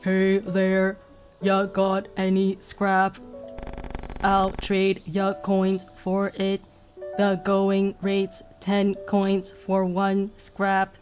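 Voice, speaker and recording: A woman voicing a robot shopkeeper in a slow, drawn-out robot voice, playing a video game. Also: medium pitch, monotone, a little mellow, soft background music. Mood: businesslike. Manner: drawn-out, deliberate delivery. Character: slow-talking robot shopkeeper who trades for scrap. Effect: put-on robot voice, slow and changed in timbre. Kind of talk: gameplay commentary with voiced characters.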